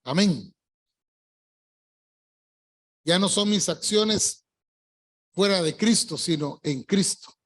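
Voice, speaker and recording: A man's voice: high-pitched, slow pace, a bit bright. An older pastor preaches to his congregation with an emphatic delivery. He stretches the words he wants to land and calls out to his listeners. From Colombia. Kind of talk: evangelical sermon. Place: church service.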